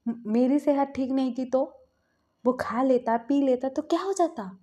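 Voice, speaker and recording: A woman's voice: on the high side, animated, normal speed, warm tone. A woman voicing a rude, stubborn young man who snaps at his family. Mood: angry. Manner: curt, angry.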